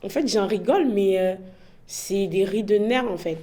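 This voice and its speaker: A woman's voice: medium pitch, moderate pace, mellow. A young woman giving frank, impassioned interview answers, often tagging her points with "en fait". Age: young adult. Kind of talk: candid interview testimony.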